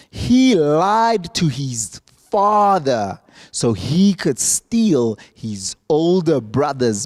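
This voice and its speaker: A man's voice: on the high side, a little mellow, in a large hall. A man telling a Bible lesson to children in simple, emphatic words, repeating key phrases.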